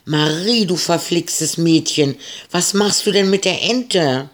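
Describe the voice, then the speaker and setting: A man's voice: on the high side, slow pace, a bit bright, voice pushed up. A man voicing a stern but caring housemaid woman who scolds firmly. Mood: scolding. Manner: scolding, firm.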